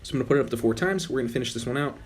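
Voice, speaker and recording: With slight background noise in the clip, a young man talks very fast in a mid-range voice while hosting his gaming channel. His voice is fading, and his laid-back commentary over gameplay is full of self-corrections.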